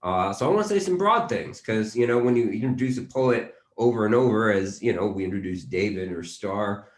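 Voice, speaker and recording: A man hosting a poetry reading over a video call, introducing a poet in a thoughtful, halting way. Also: fairly low pitch, lively intonation. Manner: thoughtful, many fillers. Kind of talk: casual spoken introduction. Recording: roomy echo.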